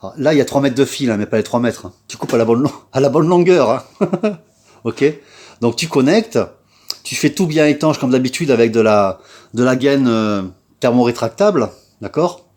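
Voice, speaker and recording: This scooter repair vlogger from France sounds animated, with a mid-range, darkish voice and a moderate pace. He keeps his tutorial informal, blunt and slang-heavy, talking directly to viewers with lots of filler tags.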